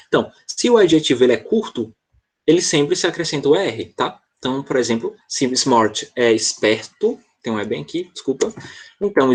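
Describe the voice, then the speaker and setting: A man's voice: mid-range voice, husky. A Brazilian man teaching an online English class, talking casually and checking in with students often. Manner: chatty, relaxed, checks in often with "tá?".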